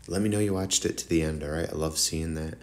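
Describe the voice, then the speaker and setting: A fast-talking man with a bass voice and steady tone hosts a woodworking tutorial channel, rambling informally in a voice-over aimed straight at viewers. He sounds slightly nasal and congested, like he's still in his morning voice.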